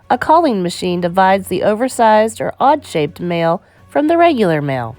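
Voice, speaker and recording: A woman reads an educational children's picture book aloud, with a measured, clearly phrased storytime delivery. Her voice is medium-pitched and a little mellow.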